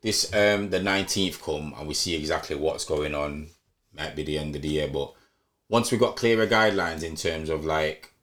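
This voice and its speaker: Very deep young London roadman chatting. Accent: London, urban roadman slang. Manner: slangy, thinks aloud. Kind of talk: casual group chat.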